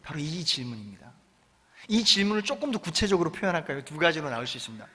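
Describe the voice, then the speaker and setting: High-voiced pastor preaching dramatically. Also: male voice, big pitch swings, fast talker, pushed and bright, husky, in a large hall. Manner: dramatic storytelling, leads the congregation to repeat lines. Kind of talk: sermon. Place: church sanctuary.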